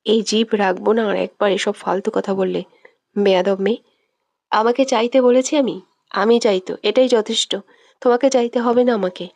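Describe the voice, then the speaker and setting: A woman's voice: mid-range voice, steady tone, normal speed, a little mellow, lightly acted. Woman voicing a stern, tender young man. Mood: angry, commanding. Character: stern possessive young man, tender yet quick-tempered. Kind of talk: scripted audio drama reading.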